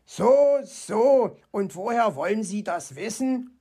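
A reader voicing a cheeky, jovial male fox who teases his friend, in a raised pitch for a storybook reading. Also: lively intonation, slow pace, warm tone, breathy edge, heavily acted. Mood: doubtful. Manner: teasing, laughs at others.

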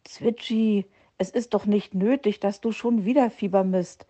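A woman voicing a sly male fox who fakes being ill, wheedling and quick to take offence. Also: medium pitch, steady tone, dark tone, lightly acted. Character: sly scheming male fox faking illness.

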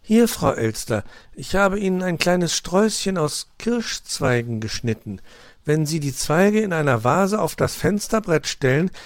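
Cheerful clever little fox boy, high-pitched, voiced by a man, dry close sound. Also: big pitch swings, measured pace, dry recording. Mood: polite. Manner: eager, bright. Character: cheerful clever young male fox nephew.

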